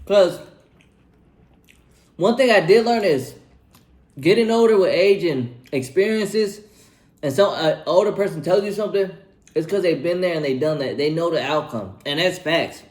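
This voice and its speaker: Young man, twenties, slightly higher voice, loose slangy advice vlog, echoey room. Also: expressive, normal speed, long pauses. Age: 20s. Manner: laid-back, slangy, repeats himself, tags lines with "bro". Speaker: vlogger giving life advice. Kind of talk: casual advice vlog while eating.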